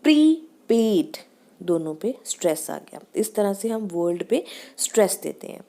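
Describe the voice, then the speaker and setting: A woman teacher giving a pronunciation lesson, reading English lines and explaining them in Hindi, drawing out each example word slowly to show the stress. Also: fairly low pitch, gravelly, mellow.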